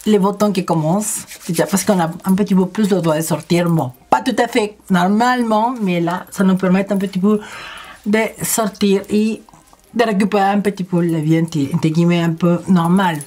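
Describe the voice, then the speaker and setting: A woman's voice: medium pitch, moderate pace. Bubbly woman doing a chit-chat makeup tutorial, talks right to the viewers, lots of energy. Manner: chatty, energetic and expressive; addresses viewers directly. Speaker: beauty vlogger.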